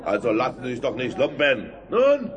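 A man's voice: mid-range voice, wildly swooping pitch, normal speed, highs cut off. A man playing a jolly, theatrical auctioneer in an audio drama, coaxing bidders with showy calling patter. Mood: jovial, urging. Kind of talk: German audio drama acting. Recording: crowd murmur behind the voice.

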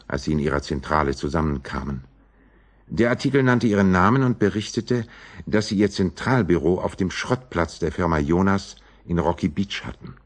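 A man reading scripted narration as the storyteller of an audio drama. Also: sits low.

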